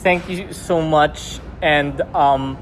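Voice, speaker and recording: A man's voice: fairly high pitch, slow pace, slight background noise. A male fan talking casually, earnest and hesitant with lots of ums. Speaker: fan at a meet and greet. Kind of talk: casual chat.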